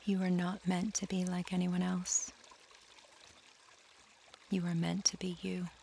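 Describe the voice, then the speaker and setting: Soft gravelly man guiding a meditation. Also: high-pitched, completely flat delivery, slight background noise. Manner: slow, soft and soothing, drifting into near-whispers. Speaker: meditation guide. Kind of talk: scripted guided meditation.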